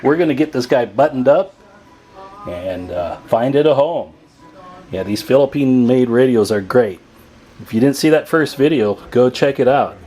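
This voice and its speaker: An American man with a mellow, expressive mid-range voice hosts a radio repair hobby video, chatting casually and folksily to viewers at a moderate pace as he demonstrates hands-on work.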